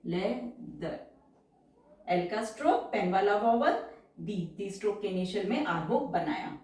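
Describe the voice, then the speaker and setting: A woman teaching shorthand in a patient, step-by-step way, repeating each example word slowly. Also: mid-range voice, animated, a little mellow, far from the mic. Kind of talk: step-by-step tutorial explanation. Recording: roomy echo, voice from off-mic.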